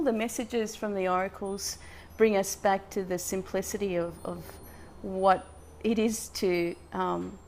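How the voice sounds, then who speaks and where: A woman's voice: medium pitch, a little mellow. Woman fortune teller giving an oracle card reading. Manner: reflective, spiritual, rambling between card text and own musings. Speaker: oracle card reader hosting a live session.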